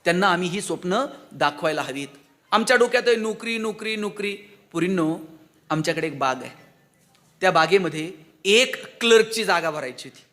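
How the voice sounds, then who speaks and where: A man addressing students in a motivational speech, with a high, bright and forceful voice. He keeps firing rhetorical questions at the audience. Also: expressive, normal speed. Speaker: motivational speaker.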